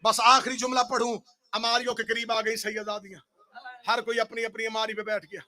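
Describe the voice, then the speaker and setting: A man's voice: very high-pitched, level tone, bright, forceful tone. A man, a religious orator, reciting a mourning sermon as mournful, dramatic storytelling and voicing the people in the story.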